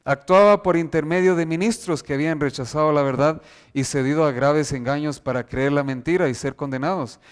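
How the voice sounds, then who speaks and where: A man preaching an earnest sermon, reading scripture aloud from slides and slowing down to stress key verses. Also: on the high side.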